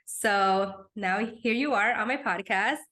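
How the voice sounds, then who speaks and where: A woman's voice: medium pitch, slow, a bit bright. Woman, from New York City, podcast host, upbeat, gushing, casual interview. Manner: upbeat, gushing, frequent affirmations.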